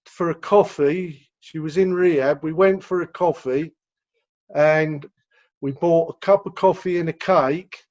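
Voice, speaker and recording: A man's voice: fairly high pitch, measured pace, a little mellow. A man with an English accent answering questions as a rehab director on a video call, explaining at length and repeating words as he goes. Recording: dull lo-fi video call audio.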